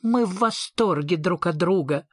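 A man's voice: high-pitched, unhurried, a bit bright, breathy edge, dry recording, clean studio sound, heavily acted. A man voicing a giddy little male creature in a storybook, exclaiming breathlessly. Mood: excited.

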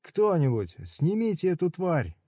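Man voicing a shrill frantic man in pain, high strained yells, hot-tempered, dark timbre, dry. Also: big pitch swings, slow pace, dry recording, exaggerated voice. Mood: frantic, yelling. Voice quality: shrill, yelling.

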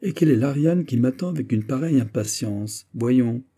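Brief: gallant male nobleman suitor, read by a man, ardent courtly pleading, husky voice. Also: mid-range voice, animated, moderate pace, dark tone, voice pushed up.

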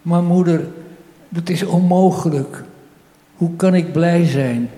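A man's voice: a little high, slow pace, dark tone, voice pushed up. A man voicing an unborn child's soul, pleading with its mother in a plaintive, rising voice. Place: church. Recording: reverberant church hall.

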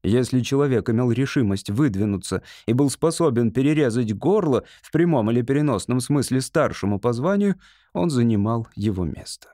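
A man narrates an audiobook with an even, steady delivery, keeping to a middling pitch. The recording is dry and close, with no room echo. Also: moderate pace. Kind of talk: scripted narration.

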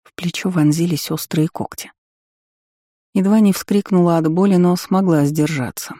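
A man reading a fantasy audiobook as a steady, expressive first-person narrator. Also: sits high, moderate pace, dry recording.

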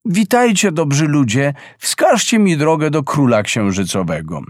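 A man voicing a young, tender-hearted boy who calls out in a high, ringing voice. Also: sing-song, unhurried, darkish tone, no echo, clean studio sound. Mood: polite.

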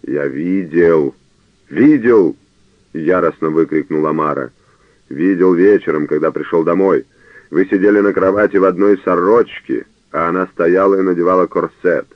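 A man voicing a cornered young male priest who talks with feigned calm and snaps back, on a narrow phone-like radio recording. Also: deep voice, moderate pace, no echo, lightly acted. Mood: defiant.

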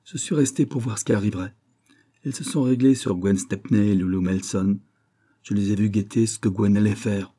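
A man's voice: fairly low pitch, fairly even intonation, brisk, mellow, natural voice. A male reader voicing Lily Bart, a proud young society woman who speaks with mocking defiance.

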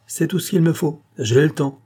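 A man's voice: a little high, moderate pace, dark tone, slightly rough, voice pushed up. A man voicing a shrewd, grim middle-aged bailiff who talks in a sly, knowing, insistent way.

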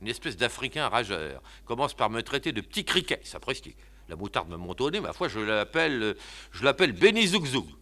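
A man voicing an excitable, flustered young bridegroom in a one-man reading of a stage comedy, talking fast and exclaiming. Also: medium pitch, voice pushed down. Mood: storytelling. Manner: rapid, exasperated, exclamatory.

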